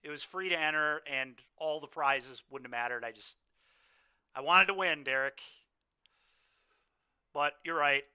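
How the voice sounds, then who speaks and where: A man's voice: on the high side, measured pace, pauses often, pushed and bright, clean tone. A young man streaming a card game, venting his frustration and sighing between remarks to chat.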